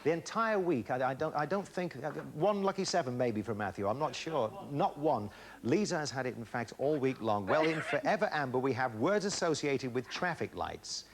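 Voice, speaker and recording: A man's voice: medium pitch, expressive, normal speed. A middle-aged man hosting a television game show with chatty, teasing banter in a studio.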